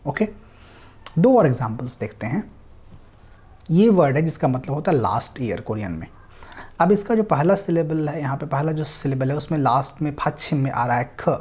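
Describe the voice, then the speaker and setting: Husky-voiced teacher, slow and patient. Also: medium pitch, a little mellow. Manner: explains step by step, repeating example words slowly; mixes in English phrases. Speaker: language teacher. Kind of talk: recorded online lesson.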